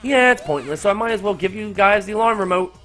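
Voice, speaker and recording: A man's voice: high-pitched, expressive, quick pace, a bit bright, soft background music, pitched above the performer's own voice. A man voicing a mischievous male robot bear who taunts the players in a video game, with a sing-song, teasing delivery.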